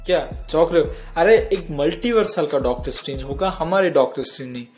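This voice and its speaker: A man hosts a casual, comic news roundup as an entertainment news host, chatting, joking and speaking directly to his viewers. His voice is on the high side, expressive, fast and a little mellow, with faint music playing behind him.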